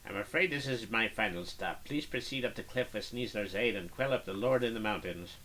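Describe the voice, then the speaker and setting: A man's voice: fairly low pitch, brisk, bright, forceful tone, a little hiss or hum. A man reading aloud the lines of a courteous, overly polite and formal video game character.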